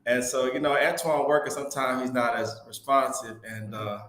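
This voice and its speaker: A man's voice: medium pitch, steady tone, moderate pace, a bit bright, echoey room. A man telling a laughing story as a talk show guest, imitating the people in it. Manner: laughing storyteller, mimics others. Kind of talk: casual talk show chat.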